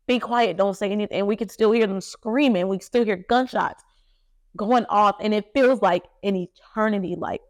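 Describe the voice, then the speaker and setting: A young woman tells a painful personal story on her podcast, her voice sitting at an ordinary middle pitch. She speaks haltingly, with fillers and restarts, the sound dry and close with no room around it. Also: no room sound. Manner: halting, emotional retelling with many fillers. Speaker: podcast host.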